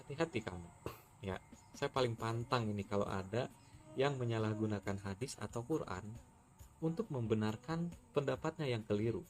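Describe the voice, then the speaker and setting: Over soft background music, a TikTok creator from West Sumatra, Indonesia, delivers a heated monologue firmly scolding and challenging a critic. His voice is lowish and his speed normal.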